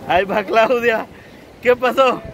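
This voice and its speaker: A man with a Salvadoran accent hosting an outdoor TV game, teasing and giving instructions in a casual, lively way. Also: very high voice, measured pace, vocal fry. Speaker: TV game host. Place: outdoors on a sandy shore.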